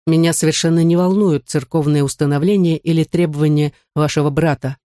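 A man's voice: fairly high pitch, steady tone, brisk, mellow, no room sound, studio quality, natural voice. Man playing a haughty sarcastic dwarf count.

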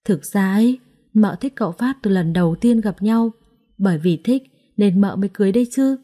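Female storyteller, dark mellow tone, expressive dramatic narration of a serialized story. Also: medium pitch, brisk.

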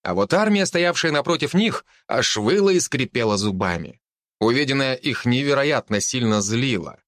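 Male audiobook narrator, mid pitch, dry close mic. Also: animated, normal speed, a bit bright, no room sound.

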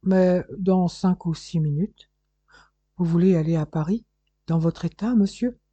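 A man reading a kindly station master who talks loudly and fusses in a storybook reading. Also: sits high, measured pace, slightly rough, no echo. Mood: fussing. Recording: dull lo-fi recording.

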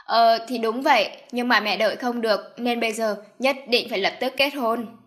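A woman's voice: fairly high pitch, steady tone, moderate pace, natural voice. Woman reading as a stubborn scheming mother. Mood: insistent. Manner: insistent, commanding. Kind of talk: audiobook character voice.

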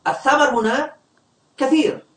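A man's voice: very high-pitched, moderate pace, fairly bright tone. Distant, echoey male grammar teacher. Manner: quizzes the class, leaves words unfinished for students to complete. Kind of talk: classroom grammar lesson. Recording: echoey room, distant mic.

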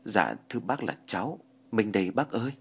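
A man's voice: on the low side, big pitch swings, fairly quick, vocal fry, breathy edge, heavily acted. A man voicing a weary, stammering returned soldier. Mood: humble. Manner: soft, stammering, deferential. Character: weary returning male soldier, grief-stricken and gentle.

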